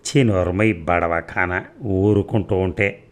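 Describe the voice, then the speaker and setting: A man's voice: deep voice, steady tone, slow. A man voicing a fussy old grandmother who coaxes and scolds her grandson. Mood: cross. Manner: coaxing then scolding.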